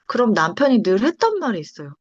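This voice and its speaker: A woman's voice: on the high side, huge pitch swings, fast talker, dry recording. A pastor's wife telling her personal faith testimony in conversation, telling the story expressively and acting out the lines of the people in it. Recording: dull dry lo-fi sound.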